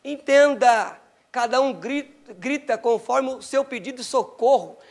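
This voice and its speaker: A Brazilian man preaches in a church hall with a very high-pitched voice. He is fervent, dropping to quiet asides and then building to ringing shouts. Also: a little slow, vocal fry. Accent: Brazilian Portuguese. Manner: fervent, swings from soft asides to rising shouts. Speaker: pastor. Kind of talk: Pentecostal sermon.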